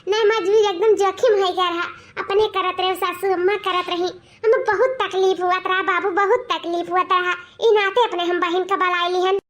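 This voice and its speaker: A cheerful young cartoon wife who chatters on in a Bhojpuri accent, as a woman voices her. The voice is very high and squeaky, with a bright, sharp edge that sounds almost childlike. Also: fairly even intonation, normal speed, few pauses. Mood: chatty.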